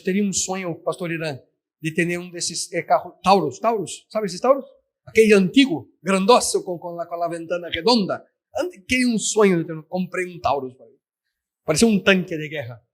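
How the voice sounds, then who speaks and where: Male preacher, high voice, emphatic sermon delivery. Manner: emphatic, addresses listeners as "queridos". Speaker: pastor.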